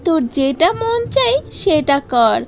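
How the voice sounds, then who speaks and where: A woman voicing an expressive village mother in a cartoon, fond but quick to chide. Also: high voice, a little hiss or hum, pitched above the performer's own voice, exaggerated voice. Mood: chiding. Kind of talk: cartoon character acting.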